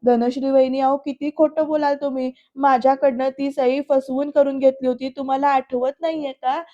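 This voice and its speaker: Earnest young wife from a TV serial, read by a woman narrator, pleading and high-pitched. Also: little pitch movement, normal speed, dark tone, muffled recording, lightly acted. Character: young woman defending herself in a family quarrel.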